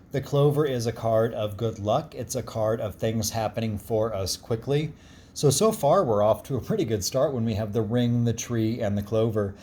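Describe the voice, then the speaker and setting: A man with a gruff voice explaining a card reading in a casual, reassuring and encouraging way. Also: lowish voice, dark tone, slight background noise. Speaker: card reader.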